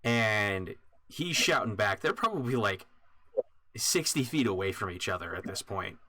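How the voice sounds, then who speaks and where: Bright-voiced man running a tabletop game. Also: fairly low pitch, moderate pace, no room sound. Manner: relaxed, many fillers. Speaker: dungeon master.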